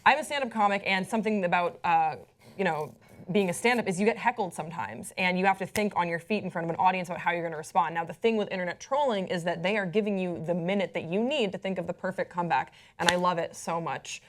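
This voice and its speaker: A woman's voice: on the low side, fast talker. A woman co-hosting a pop culture show, a stand-up comic who talks in an upbeat, chatty way and steers the talk with questions. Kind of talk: casual panel chat.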